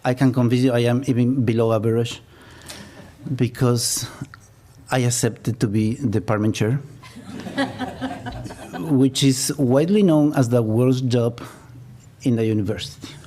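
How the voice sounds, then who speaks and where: This business professor from Ecuador, middle-aged and Spanish-speaking from birth, lectures publicly with an Ecuadorian accent and a habit of laughing at his own self-deprecating jokes. His voice is medium in pitch and dark, with lively intonation, an unhurried pace, and long pauses. A faint hiss or hum sits under the recording.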